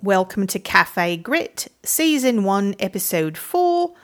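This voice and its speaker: A woman's voice: medium pitch, very animated, slow pace, soft background music. A woman putting on an overblown mock British accent to announce a podcast episode. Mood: jaunty. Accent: put-on British.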